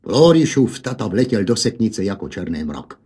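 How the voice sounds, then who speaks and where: A man narrating a fairy tale in a lively, expressive way. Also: fairly low pitch, slightly rough.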